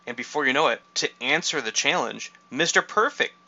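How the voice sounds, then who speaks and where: Male podcast host, casual recap, sharp bright voice, lowish pitch, dull lo-fi sound. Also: lively intonation, a little fast. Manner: narrating recap with asides.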